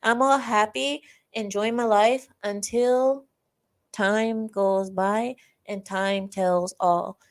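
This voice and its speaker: A young woman hosts a livestream, telling a personal story in a chatty way with a medium-pitched, steady, slow voice. She laughs often, reads out comments from the chat, and acts out the classmates she quotes.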